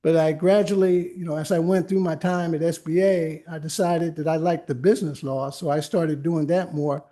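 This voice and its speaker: In a library meeting room, an older attorney and workshop presenter gives an informal lecture full of personal anecdotes, conversational in style with frequent restarts and asides. His voice is fairly high-pitched and dark-toned, with fairly even intonation. He keeps a moderate pace and hardly pauses.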